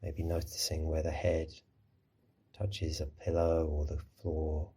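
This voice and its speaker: Speaking in a low, softly husky voice, a man guides listeners through a body scan meditation. His tone is dark and relaxed, and like a mindfulness teacher he offers each instruction gently, soothingly, and without hurry.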